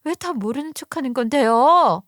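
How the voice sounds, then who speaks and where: A woman's voice: sits high, animated, moderate pace, a bit bright, no room sound, clean studio sound, voice pushed up. A woman voicing a defiant young woman who bitterly accuses her own mother, her voice raised and hurt. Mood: bitter, accusing.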